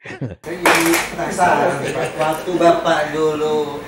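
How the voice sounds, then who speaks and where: A man's voice: a little high, little pitch movement, a little slow, a crowd in the background. Man asking questions from far off in a roomy space. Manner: jokey, teasing. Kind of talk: talk-show interview. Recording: roomy, distant mic with room noise.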